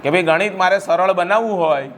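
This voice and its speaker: A brisk, high-pitched man addresses students in a school hall, with a little hiss or hum on the recording. The middle-aged school director, a Gujarati-accented speaker from Gujarat, India, gives a motivational speech and keeps quizzing the room rhetorically.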